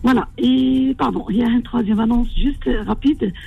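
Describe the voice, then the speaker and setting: Older woman from Morocco, radio caller, halting and apologetic, husky, faint music. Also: on the high side, phone-quality sound. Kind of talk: phone-in chat.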